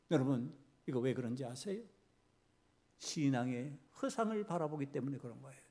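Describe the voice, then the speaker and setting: A man preaching a sermon as pastor. He swings from quiet asides to loud, emphatic passages and acts out the people in the story. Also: on the high side. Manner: preaching with dramatic shifts in volume, acting out biblical characters. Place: church sanctuary.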